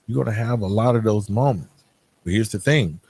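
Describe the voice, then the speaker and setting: This podcast host's lowish voice is brisk, a little mellow, and slightly rough. Alone at the mic, he speaks in a casual, candid, semi-scripted manner, punctuating his arguments with "right?"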